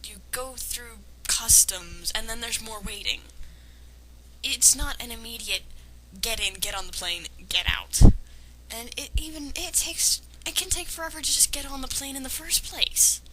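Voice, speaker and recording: A woman with a higher-pitched, sharp voice reads a fan fiction story aloud at a normal pace, interrupting herself with casual, sarcastic, nitpicking remarks that turn hesitant. She's an amateur reader and commentator giving a dramatic reading laced with mocking asides. The home recording is clearly noisy.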